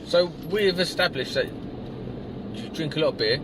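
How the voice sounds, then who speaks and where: Lively south London bloke bantering in a car. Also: male voice, fairly high pitch, normal speed. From Croydon, south London. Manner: teasing, blokey, jokey. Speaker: host driving and interviewing a guest. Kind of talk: casual banter while driving. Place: inside a moving pickup truck. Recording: clear road and car noise.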